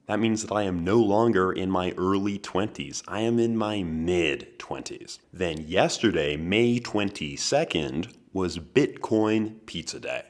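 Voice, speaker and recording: A man in his twenties hosting a podcast, delivering a comedic monologue in a dry, deadpan manner with wry asides. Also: deep voice, unhurried, few pauses. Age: 20s. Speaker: podcast host.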